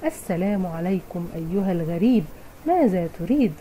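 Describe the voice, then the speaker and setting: A woman's voice: on the low side, expressive, brisk, warm tone, slight background noise, natural voice. A woman with an Egyptian Arabic accent voicing a humble, hard-working woodcutter father, plain and earnest, for a children's storybook. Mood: wary.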